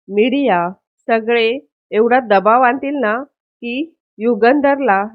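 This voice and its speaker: Brief: woman voicing spiteful gloating young woman, highish, phone-thin, dry. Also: lightly acted. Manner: spiteful, boastful speech. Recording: tinny phone-like audio.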